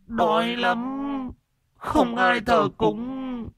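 A man voicing the bitter ghost of a miscarried child, speaking in a high, thin, drawn-out whine and cursing the family. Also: level tone, a bit bright, no room sound, studio quality, heavily acted. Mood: mournful whining. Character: wailing ghost of an unborn child, bitter, vengeful.

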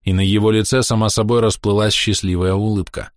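A man reading a fantasy novel aloud as audiobook narrator, in a steady storytelling manner. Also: fairly low pitch, a little fast, dry recording, clean studio sound. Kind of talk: scripted narration.

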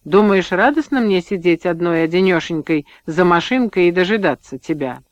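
A man's voice: high-pitched, lively intonation, normal speed, dry recording. A man voicing a young pregnant village wife who scolds her husband sarcastically, in a dull, dry audiobook recording. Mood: bitter, scolding.

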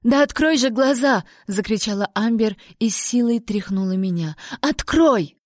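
A woman voicing a gentle young noblewoman, the heroine's sister, pleading in a higher, louder voice. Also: steady tone, fairly quick, no room sound, studio quality, lightly acted. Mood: urgent.

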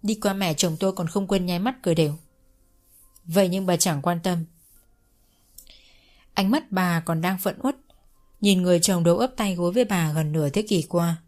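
Woman narrating a family drama story. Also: lowish voice. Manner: steady first-person storytelling.

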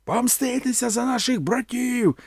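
A man's voice: sits high, big pitch swings, takes it slowly, vocal fry, no echo, clean studio sound, pitched above the performer's own voice, full character voice. A man reading an audiobook, voicing a mob of furious bearded warriors howling together. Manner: howling in unison.

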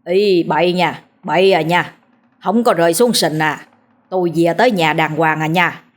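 A woman's voice: on the low side, normal speed, natural voice. A woman voicing a boisterous, teasing drunken old village man. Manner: joking, protesting.

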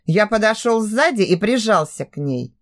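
A woman narrating a first-person audiobook in an expressive, sultry reading style. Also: medium pitch, normal speed.

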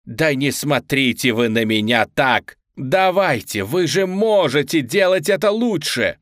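Мужчина-чтец озвучивает Люсинду, вспыльчивую и властную ведьму, которая визгливо и повелительно кричит на сестёр в сказочной аудиокниге. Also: male voice, on the high side, big pitch swings, measured pace, a bit bright, no echo, clean studio sound. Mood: властно. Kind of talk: чтение аудиокниги с озвучкой персонажей.

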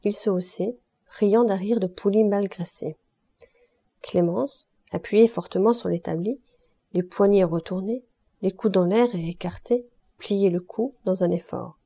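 Woman reading a novel out loud, calm and steady, warm mellow voice. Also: medium pitch, measured pace. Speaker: audiobook reader. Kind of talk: scripted literary narration.

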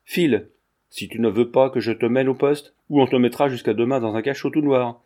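A man reading a storybook, voicing a gruff but kindly old army sergeant who scolds and blusters. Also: mid-range voice, fairly even intonation, brisk, mellow, close to an everyday voice. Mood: scolding. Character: gruff, good-natured old army sergeant park keeper.

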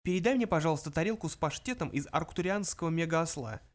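A reader lightly playing a composed young woman, calm and practical. Matter-of-fact delivery, close to the narrating voice. Audiobook character. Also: medium pitch, fast, natural voice.

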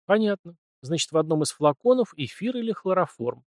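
A calm, deadpan teenage boy, voiced by a male narrator in an audiobook, speaking in short flat sentences without emotion. The voice stays close to the reader's own, just a little higher. It is recorded dry and close. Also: a little fast, no echo.

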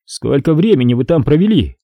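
A tall detective who never lifts his voice, asking each question flat and deliberate, as a man plays him. His tone sits a little higher than the reader's own, warm and husky, recorded dry. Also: dry recording. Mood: cold. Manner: level, expressionless, deliberate. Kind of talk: audiobook character voice.

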